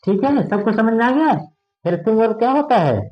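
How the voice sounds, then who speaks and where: High-voiced teacher checking understanding. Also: male voice, lively intonation, fairly quick. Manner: checks often if students understand. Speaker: English grammar teacher. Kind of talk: classroom lesson. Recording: dull lo-fi sound.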